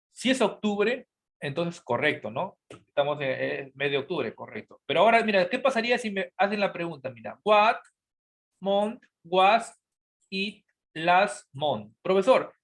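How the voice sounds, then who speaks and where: Lively male teacher who answers his own questions. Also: sits high. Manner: answers his own questions as an imagined student, trailing off softly on "profesor"; spells out each word and repeats each rule. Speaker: English teacher. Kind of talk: explaining grammar to students.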